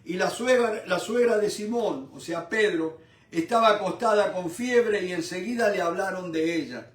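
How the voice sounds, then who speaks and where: Fervent male preacher, high voice, heard from a distance in a reverberant room. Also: normal speed. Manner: fervent, addresses listeners as brothers. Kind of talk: Bible study sermon.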